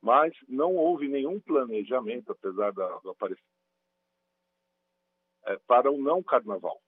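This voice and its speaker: A man's voice: medium pitch, lively intonation, normal speed, slight background noise. A man calling in to a radio interview as a guest spokesman, on a glitching line that keeps cutting out, explaining at length with many "é" and "né" tags. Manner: long explanations full of "é" and "né" tags. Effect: glitching audio, the call keeps cutting out. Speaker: guest spokesman for a carnival bloc collective. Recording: tinny phone line breaking up.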